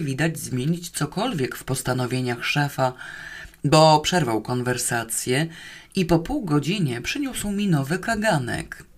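A woman reading a novel aloud in the first person, with a wry storytelling manner. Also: deep voice. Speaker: audiobook reader.

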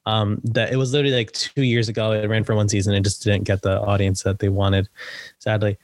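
Speaking a little fast in a fairly low, level voice, this young podcast guest chats casually about acting and writing. He's American with Salvadoran roots, laughs a lot, leans on fillers, and the audio has no room sound.

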